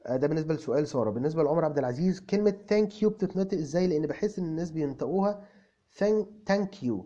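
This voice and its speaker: A cocky young male tutor, played by a man, rattles off English examples at speed in an Egyptian Arabic accent, tripping on quick restarts. His voice is dark and mellow. The recording sounds dull and lo-fi. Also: fairly high pitch, lively intonation, lightly acted. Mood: breezy, explaining. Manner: stammering restarts, explains with repeated examples. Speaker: English tutor answering viewer comments. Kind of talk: comic video lesson.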